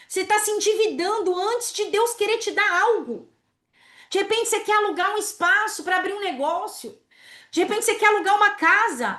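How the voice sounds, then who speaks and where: A woman pastor preaching a sermon, animated and acting out prayers as she teaches. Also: very high-pitched.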